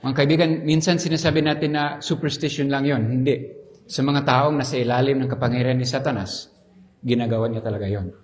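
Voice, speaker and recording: A man preaching a sermon in a dramatic, animated storytelling manner. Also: mid-range voice, fast.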